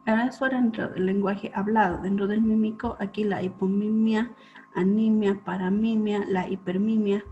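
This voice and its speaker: A woman's voice: mid-range voice, fairly even intonation, moderate pace, mellow. Woman lecturing on a dull lo-fi line. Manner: explanatory, checks in with "¿sí?". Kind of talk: clinical lecture to students. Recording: dull lo-fi recording with faint hum.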